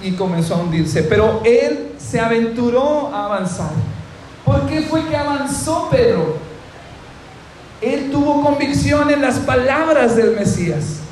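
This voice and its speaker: In a very echoey room with faint ambience and slight background noise, a male pastor preaches fervently. His very high-pitched voice is animated and unhurried, with a darkish tone. He often calls out amen, speaks directly to the congregation, asks them to repeat phrases and tells them to speak to the person beside them.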